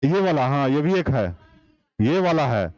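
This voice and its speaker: A man's voice: a little high, animated, measured pace, a little mellow, dry recording, dull audio. A man teaching an online exam-prep class, explaining step by step and putting rhetorical questions to the class.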